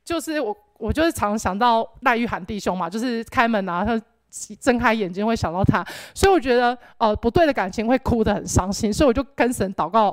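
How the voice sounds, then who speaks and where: A young woman gives a rambling, animated personal faith testimony, full of filler words. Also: a little high, a little fast, no echo. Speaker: church member giving testimony.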